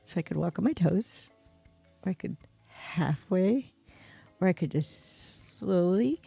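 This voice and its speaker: A woman streamer telling a story slowly and casually, with laughs and imitated squeak sounds, from home at a desk mic. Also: expressive, creaky, dark tone, husky, no echo, soft background music.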